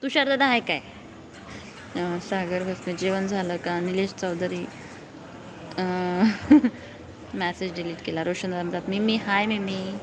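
Young woman reading viewer comments on a phone live stream outdoors; clear traffic and street noise. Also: on the low side, a little slow, long pauses. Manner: reads comments aloud and answers viewers. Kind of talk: casual live-stream chat. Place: outdoors below a housing block at night.

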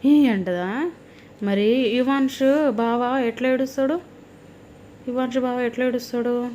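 A woman's voice: on the high side, steady tone, a little slow, warm tone, slight background noise. A young mother, playfully coaxing and teasing her toddler at home at night in sing-song baby talk.

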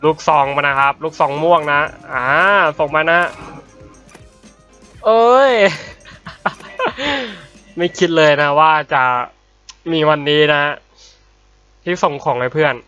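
A young man with a bright, forceful voice and slightly raised pitch chats through his game, tossing in casual swearing and polite particles. His voice sounds a little worn from being unwell. The audio is dull and lo-fi, with faint game music behind. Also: very animated, slow, pauses often. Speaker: gaming YouTuber.

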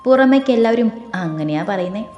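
Woman voicing a sneering greedy middle-aged uncle, audio story, mellow dark tone, echoey room. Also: on the high side, expressive, fairly quick, muffled recording, soft background music, close to an everyday voice. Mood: sly. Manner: sneering, insulting.

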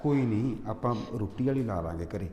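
A man's voice: on the low side, expressive, a little fast, dark tone, reverberant, in a large hall, natural voice. An actor playing a young husband and son who keeps coaxing and soothing his angry wife. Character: young husband, placating, caught between wife and mother.

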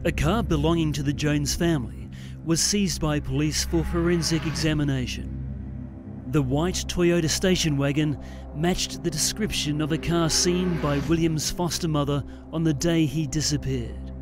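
A man's voice: fairly high pitch, fairly even intonation. Guy narrating a current affairs piece, formal, music under it. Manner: measured, formal delivery. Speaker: news narrator. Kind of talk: scripted news voice-over.

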